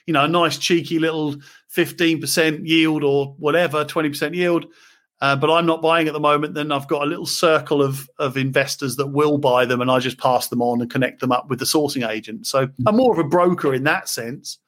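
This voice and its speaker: Man, UK, slightly higher voice; casual interview guest, loose and chatty, lots of fillers. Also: steady tone, brisk, a bit bright. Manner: chatty, frequent fillers and restarts. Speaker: property investor guest.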